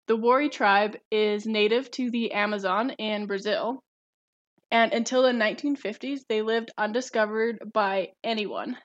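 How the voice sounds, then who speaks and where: A young woman co-hosting a podcast, explaining a topic eagerly, like a student presenting research. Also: on the high side. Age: young adult. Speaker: podcast co-host. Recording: slightly dull lo-fi sound.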